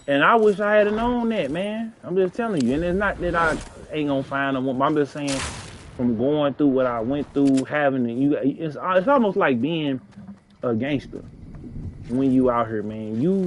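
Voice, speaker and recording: A man with a St. talks while he plays a game, earnest and a bit preachy. He circles back and repeats phrases to press his point home. A faint hiss sits under his mid-pitched voice. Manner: earnest, preachy, repeats himself, street slang. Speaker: gaming streamer. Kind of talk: casual advice talk while gaming.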